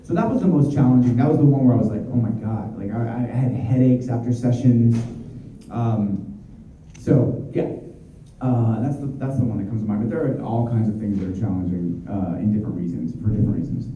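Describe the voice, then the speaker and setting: Brisk and mellow, this thirtysomething voice actor's mid-range voice carries through a convention panel room as he rambles through fan questions, restarting often and leaning on fillers. The sound is far off, muffled and echoey, with slight background noise.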